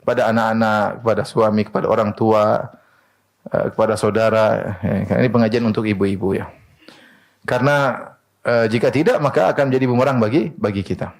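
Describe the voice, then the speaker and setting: A man preaching a sermon in an animated way, asking rhetorical questions and answering them himself. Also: lowish voice, brisk, creaky.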